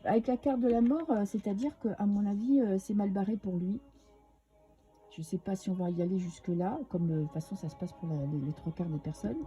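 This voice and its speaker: A woman's voice: mid-range voice, a little fast, mellow, soft background music. A woman with a French accent giving a casual, chatty tarot reading to her viewers, with many fillers and restarts. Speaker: tarot reader.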